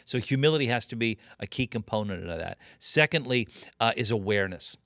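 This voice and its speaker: A pastor in his late fifties, appearing as a guest in a conversational interview on ministry leadership, speaks earnestly in a preaching style with emphatic repetition. His lowish voice is animated, a little fast, and a bit bright. The sound is clean studio quality with no echo.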